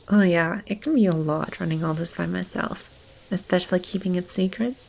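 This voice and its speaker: In an ASMR roleplay, a woman voices a gentle, caring female demon who shelters animals and a lost child, speaking softly and often nearly whispering. Her lowish voice moves at a normal speed with a slight hiss or hum, and her warm, fond tone feels soothing, tender, intimate and reassuring. Animal and bird ambience is clearly audible in the background.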